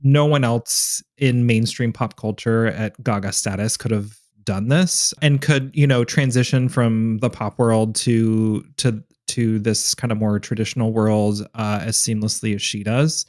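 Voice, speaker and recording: A man's voice: lowish voice, steady tone, measured pace, hardly any pauses, a little mellow, no echo, clean studio sound. Rambling, enthusiastic podcast man. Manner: enthusiastic, rambling, self-deprecating. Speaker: podcast co-host. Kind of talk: casual podcast chat.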